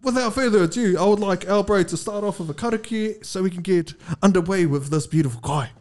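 A man's voice: high-pitched, fast, a little mellow. A man with a Māori New Zealand English accent co-hosting a podcast, chatting casually with playfully grand turns of phrase. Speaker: podcast host.

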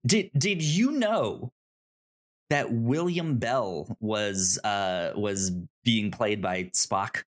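Speaking extremely slowly in a voice on the low side, a podcast host chats upbeat and informally. The talk covers casual podcast conversation and housekeeping plugs.

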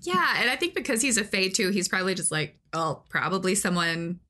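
A woman's voice: medium pitch, sing-song, fast talker, sharp tone. A woman co-hosting a podcast, recapping a story in casual chat and laughing often. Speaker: podcast co-host.

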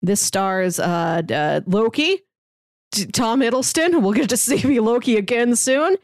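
On a casual podcast, a woman co-host reads film synopses and pitches movies, chatting with hesitant asides. Her slightly high voice has lively intonation and a measured pace, recorded clean in a studio with no echo.

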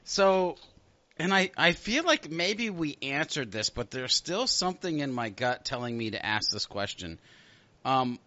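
Bright-voiced chatty male host. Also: a little high, sing-song, measured pace, no room sound. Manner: chatty, rambling questions. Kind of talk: casual interview questions. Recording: dry, slightly dull lo-fi audio.

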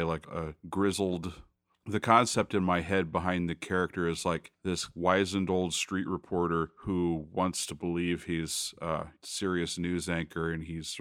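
A man's voice: low voice, a bit bright, no room sound, studio quality. A man co-hosting a podcast, talking in an easygoing, dryly joking way. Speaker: podcast co-host and voiceover artist. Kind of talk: casual chat.

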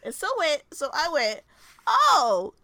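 A woman's voice: sits high, slow, vocal fry, no echo. A woman co-hosting a podcast, chatting casually and acting out quotes as she tells a story. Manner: animated storyteller, acts out quotes. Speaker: podcast co-host. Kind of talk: casual chat.

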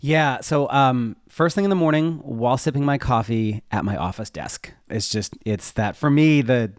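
Speaking at a moderate pace with lively intonation, a medium-pitched man, a web developer and newsletter writer, rambles through informal interview answers and keeps cutting himself off. The studio recording is clean, with no room sound.

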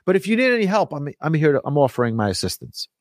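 A man teaching religion like a rabbi, telling stories emphatically with rhetorical questions and deliberate repetition. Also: on the high side, sing-song, dry recording, clean studio sound. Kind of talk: lively religious lecture with storytelling.

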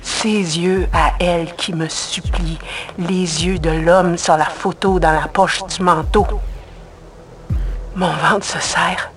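A woman's voice: lowish voice, steady tone, slow. An actress with a Québécois French accent voicing a hunted woman who narrates her escape in short, clipped first-person lines. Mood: tense, cold. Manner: terse, tense, clipped fragments. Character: hunted young woman, tense then coldly calm. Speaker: narrator-protagonist of an audio drama. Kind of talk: intimate first-person radio drama narration. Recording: clear music under the voice. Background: music score.

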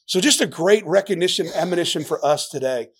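A man's voice: on the high side, lively intonation, brisk, husky. A man preaching a sermon as pastor, earnest and impassioned, often restarting and repeating words as he builds a point.

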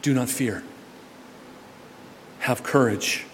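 A male pastor preaches in an everyday conversational manner, mid-range in pitch, rising to loud emphatic bursts and then dropping to a near hush. His voice carries a long reverb from the church sanctuary. A faint murmur of room noise sits under it. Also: slow pace. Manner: conversational preaching with sudden swings from loud to hushed. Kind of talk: sermon.

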